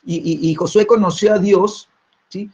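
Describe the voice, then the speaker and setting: A man delivers a teaching sermon in a husky voice that sits a little high for a man. He keeps checking in with short tag questions and repeats words as he restarts his phrases. The recording is muffled and lo-fi. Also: steady tone, unhurried, a little mellow. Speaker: preacher. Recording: dull lo-fi recording.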